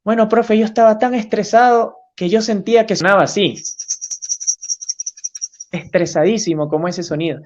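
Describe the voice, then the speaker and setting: A man's voice: high-pitched, steady tone, normal speed, pauses often, voice pushed up, natural voice. A man voicing a young schoolboy who answers his teacher sheepishly. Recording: dull lo-fi webinar audio.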